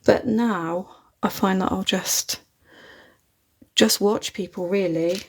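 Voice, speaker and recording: A woman from Britain, whose accent isn't a London one, runs a live crafting stream at her desk in a chatty, rambling way full of chuckles. She speaks slowly in a mid-range, fairly even voice. The overhead-mounted phone adds a little hiss or hum.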